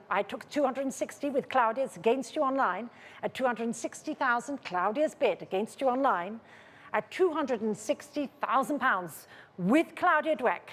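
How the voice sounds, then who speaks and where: A fairly high-voiced woman auctioneer holds steady command of a live sale in a big, reverberant hall, announcing and repeating bids with courteous but controlled persistence.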